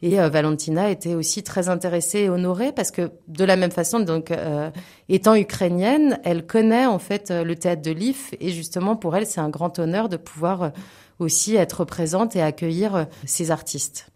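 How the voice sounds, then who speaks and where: A woman with a lowish, mellow voice and moderate pace joins a spontaneous radio interview as a theatre guest. She speaks with earnest emphasis but regularly hunts for words.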